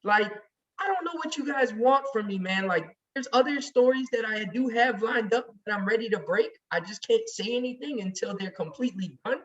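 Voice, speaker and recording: A man with a high-sitting voice talks at a moderate pace, emphatic and heated, as a regular in casual chat on a sports podcast. The recording sounds distant and muffled.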